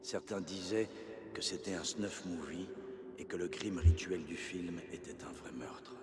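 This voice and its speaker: A man's voice: deep voice, measured pace, in a large hall, heavy background noise. An actor voicing an ominous male narrator in a game, telling a legend dramatically and dropping into whispers. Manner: dramatic storytelling, drops to whispers.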